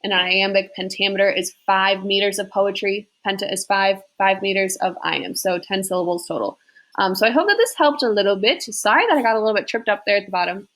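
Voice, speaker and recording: A woman's voice: medium pitch, fairly bright tone. Chatty woman teacher explaining verse. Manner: slow, deliberate reading of verse; chatty, with many fillers. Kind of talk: casual classroom lesson.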